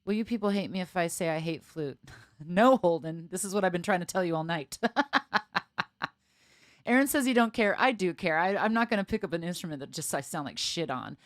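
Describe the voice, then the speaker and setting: A woman's voice: lowish voice, expressive, brisk, dry recording, clean studio sound. Chatty woman musician live-streaming. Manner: chatty and self-deprecating, thinking aloud, laughs often. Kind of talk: casual live-stream chat.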